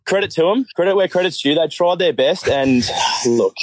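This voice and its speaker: A man's voice: fairly high pitch, lively intonation, normal speed. An Australian man chatting casually as a phone-in guest, with a slangy, laid-back tradesman's way of talking. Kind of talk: casual banter.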